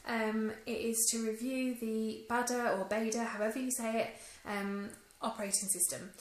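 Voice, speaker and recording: A woman's voice: on the high side, fairly even intonation, moderate pace, reverberant, rough recording. A woman giving a casual phone review vlog, talking into a phone she holds at arm's length, chatty and full of ums. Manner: chatty, many ums, mildly disappointed. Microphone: phone held at arm's length.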